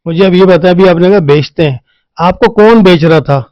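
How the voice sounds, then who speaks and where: High-voiced male field reporter, dry sound. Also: no room sound, highs cut off. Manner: conversational, repeats filler phrases while explaining; gentle direct questioning. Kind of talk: on-location news interview. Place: on location, seated beside the interviewee.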